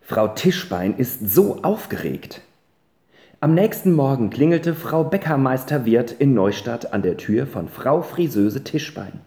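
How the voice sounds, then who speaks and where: An audiobook narrator reading a children's novel in an expressive, animated way. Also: mid-range voice, measured pace. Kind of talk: storybook narration. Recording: roomy echo.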